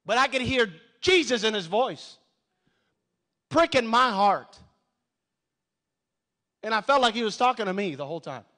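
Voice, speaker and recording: A middle-aged man preaching a sermon as a pastor, telling his testimony with passion and rising to shouts. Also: sits high, animated, a little slow, long pauses. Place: church sanctuary.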